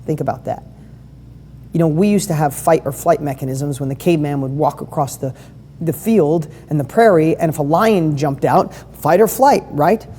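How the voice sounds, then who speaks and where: A business coach with a deep, warm voice leads a live online training at a moderate pace, speaking enthusiastically and conversationally while peppering her audience with questions. The audio has long hall reverb and a slight hiss or hum.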